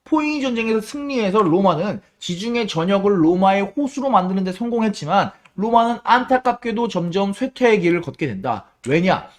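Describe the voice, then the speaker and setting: A man teaching a history lecture to students, lively and casual, asking questions and answering them himself. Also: high-pitched. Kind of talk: classroom lecture.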